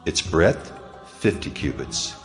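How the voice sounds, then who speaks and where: An actor playing God in a dramatized scripture reading, a solemn almighty deity speaking in a grave, commanding, declamatory way. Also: male voice, very deep voice, animated, slow pace, full character voice. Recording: long cavernous reverb over music.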